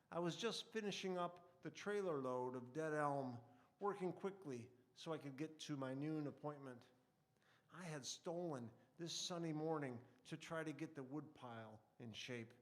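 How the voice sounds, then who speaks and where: A man reading aloud a reflective personal story in a wry, conversational way. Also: on the high side.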